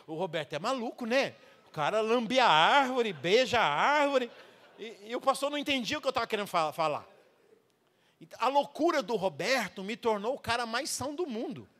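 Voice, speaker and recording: A male missionary preacher with a Brazilian Portuguese accent, telling a personal story in a sermon and acting out the dialogue with lively comic timing. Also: very high-pitched, a little fast. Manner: animated storytelling, acts out dialogue, laughs along. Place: church sanctuary. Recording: church hall reverb.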